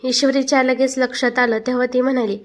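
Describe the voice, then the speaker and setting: A woman's voice: sits high, fast talker. A woman narrating a family story, reading every character's lines herself. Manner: reads all characters' dialogue in one steady narrating voice.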